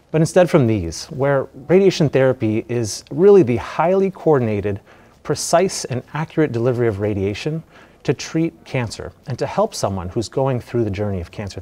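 An American radiation oncologist in his thirties gives an educational medical lecture in an indoor presentation room, speaking in a measured, explanatory way. His medium-pitched, mellow voice is slightly muffled by a mask over his mouth and picked up by a lapel mic.

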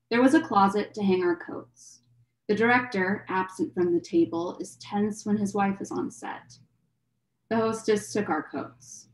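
A woman in her thirties from California, a poet reading her work in a calm, measured way from her home over a video call. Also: mid-range voice. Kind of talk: poetry reading. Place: home room with bookshelves. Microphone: laptop webcam mic, video call. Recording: roomy video-call audio.

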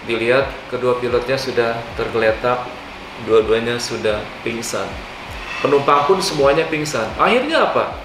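An older man, a channel host, explaining aviation incidents to the camera in an animated way, often dropping English aviation terms into his talk. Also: medium pitch. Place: living room on a leather sofa, indoors. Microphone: far camera mic. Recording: echoey room, distant mic, hum.

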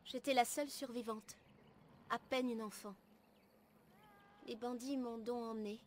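A woman playing an earnest, gentle young elf apprentice in a video game, speaking formally and in measured, literary phrases. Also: on the high side, fairly even intonation, a little hiss or hum, lightly acted. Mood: grave, reflective. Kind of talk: video game dialogue acting. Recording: music behind the voice.

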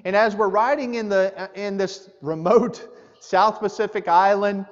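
A man's voice: high voice, fairly even intonation, measured pace. A man preaching a sermon in a church, talking conversationally and asking the congregation direct questions. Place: church sanctuary. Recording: muffled church hall with long reverb.

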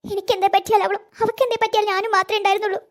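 A performer doing a lonely old cartoon grandmother, in a strikingly high, thin voice. She laments in a sorrowful, tearful way. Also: little pitch movement, very fast, a bit bright. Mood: grieving. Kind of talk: cartoon voice acting.

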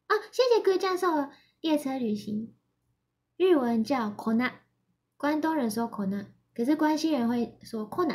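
A woman's voice: high-pitched, animated, slow pace, a little mellow. A young woman from Japan who speaks Mandarin as a second language, chatting casually with viewers on a livestream, giggling and switching between Mandarin and Japanese. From Yamanashi, Japan. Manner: mixes Mandarin and Japanese, giggly, reads viewer comments aloud. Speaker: idol livestream host.

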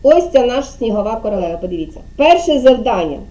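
High, mellow-voiced preschool teacher. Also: female voice, expressive, rough recording. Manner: slow, patient, drawn-out words for children. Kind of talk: teaching young children. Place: kindergarten classroom.

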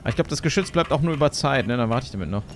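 A man's voice: medium pitch, animated, very fast. A man hosting a gaming session, chatting casually with playfully bombastic mock-military commands. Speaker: let's play host, squad leader. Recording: clear game noise and gunfire behind. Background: game ambience and gunfire.

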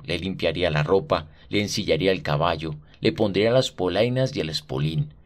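A man narrates a short story for radio with a low voice. His reading is dramatic and expressive, shaping each scene with steady care.

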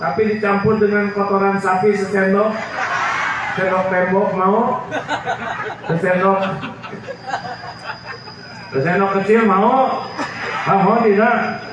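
A middle-aged man giving a lively, joking sermon on an outdoor stage, speaking into a handheld microphone and often asking the crowd questions. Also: high voice, takes it slowly, pauses often, background noise. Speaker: preacher. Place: outdoor stage under a tent. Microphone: handheld mic, far camera. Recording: roomy, distant, dull PA sound.

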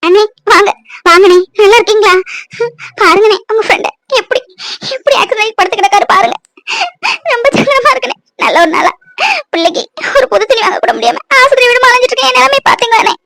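A woman's voice: very high-pitched, quick pace, no room sound. A woman voicing a struggling young mother in a cartoon, pleading through sobs, with speech. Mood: wistful. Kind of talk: cartoon voice acting.

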